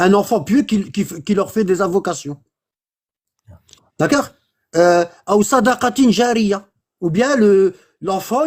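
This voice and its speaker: The religious instructor here has a high-pitched, darkish voice. His teaching is informal and patient, full of repetition and checks that his audience has understood.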